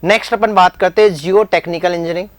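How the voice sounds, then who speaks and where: A woman's voice: lowish voice, steady tone. A woman with an Indian accent teaching a lesson, going through an exam syllabus and listing each topic one by one. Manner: lists topics one by one, slowing on each term. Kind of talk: syllabus walkthrough lesson in Hindi-English mix.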